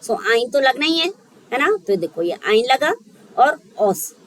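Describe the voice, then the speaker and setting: A woman's voice: high-pitched, sing-song, a little slow, a bit bright, low-quality recording. A woman teaching a biology lesson for exam preparation, thinking aloud and checking in often with her students. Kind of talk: exam-prep lecture.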